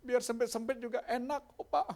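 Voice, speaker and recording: A man's voice: very high-pitched, steady tone, fairly quick, a little mellow, voice pushed up. A man voicing an anxious, complaining middle-aged widow who frets and pities herself. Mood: fretful. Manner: fretful, self-pitying.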